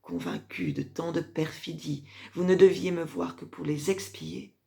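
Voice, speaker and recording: A deep, gravelly voice carries wounded, restrained anger as a woman plays a proud Roman empress mother rebuking her son. The heavily acted, very animated performance of this French classical verse tragedy monologue stays measured and declamatory, rising in emphatic swells and sinking into hushed drops.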